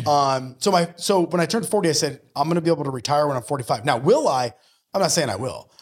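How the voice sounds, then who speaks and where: This podcast guest, a mortgage lender and business owner in his early forties, talks fast in a fairly high, husky voice with lively intonation. Conversational, earnest and motivational, he keeps checking in with "right?".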